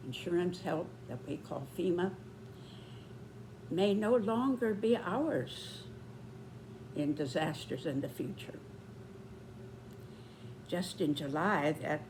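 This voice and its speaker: Very old woman, slow and deliberate. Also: on the low side, a little mellow, slight background noise. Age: 90s. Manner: deliberate, measured phrasing with pauses. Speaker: vlogger giving commentary. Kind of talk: reflective spoken commentary on current events.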